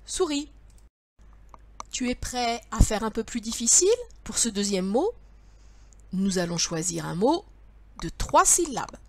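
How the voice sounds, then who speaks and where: A woman's voice: on the high side, no room sound. A woman teacher leading young children through word riddles, patient and sing-song, speaking straight to the child.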